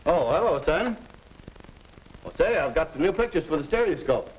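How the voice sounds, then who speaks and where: A man's voice: a little high, very animated, moderate pace, highs cut off. An actor playing a genial, easygoing father in the folksy style of a 1950s educational film. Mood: genial, contented. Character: cheerful, easygoing middle-class father.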